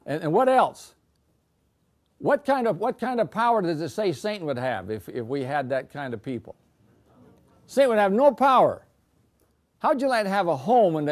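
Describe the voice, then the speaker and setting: Older guy teaching scripture class, fairly high voice, gets worked up and repeats himself a lot. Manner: animated, asks the class questions, repeats words when excited.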